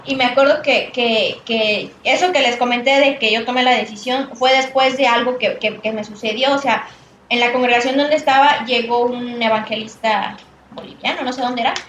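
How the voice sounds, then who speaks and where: Woman telling her faith story, kinda hesitant, highish voice, echoey room. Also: steady tone, normal speed, a bit bright, dull audio, slight background noise. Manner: hesitant, with fillers and repeats. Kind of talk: casual chat, personal testimony.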